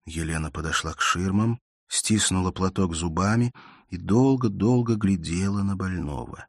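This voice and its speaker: A man narrates a classic novel in a measured storytelling voice. His tone is very low and husky. The sound is dry and close. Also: dry recording. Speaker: audiobook narrator. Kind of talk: scripted literary narration.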